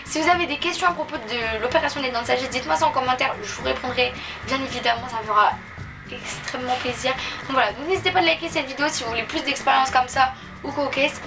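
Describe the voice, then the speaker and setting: A woman's voice: sits high, quick pace. A young adult woman telling a personal story in a casual, chatty vlog style, informally acting out remembered exchanges. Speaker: vlogger. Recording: distant mic, clear music behind. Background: music.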